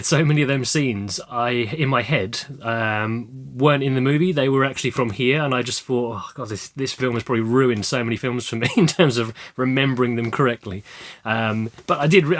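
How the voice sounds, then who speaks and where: Chatty man, slightly croaky. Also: mid-range voice, fairly bright tone. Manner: chatty and rambling, many ums and restarts. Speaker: video creator showing a film haul. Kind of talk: casual chat.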